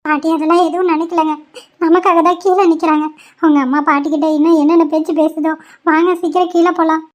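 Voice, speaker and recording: A woman's voice: very high-pitched, steady tone, fast. A woman voicing an emotional young pregnant wife in a cartoon, pleading and often tearful. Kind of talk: cartoon voice acting. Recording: dull lo-fi sound.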